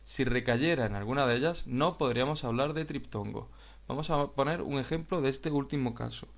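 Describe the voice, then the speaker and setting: A man with a Spain Spanish accent, teaching a grammar lesson in a slow, explanatory way and addressing viewers directly. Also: mid-range voice, vocal fry. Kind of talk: video lesson narration.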